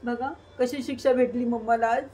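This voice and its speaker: Tearful high-voiced woman cooing softly. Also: steady tone, normal speed, a little hiss or hum, low-quality recording. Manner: cooing, soft, sing-song baby talk. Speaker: vlogger. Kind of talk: casual vlog talking to viewers and her child.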